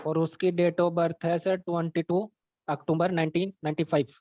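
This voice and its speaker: A man in his thirties calls in over a bad connection, his words dropping out and the sound dull and lo-fi. His voice sits a little high for a man. He speaks politely and calls everyone sir. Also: little pitch movement, moderate pace, a little mellow, no echo. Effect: breaking-up online call connection. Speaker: caller. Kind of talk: call-in question to a numerologist. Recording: lo-fi patchy call audio.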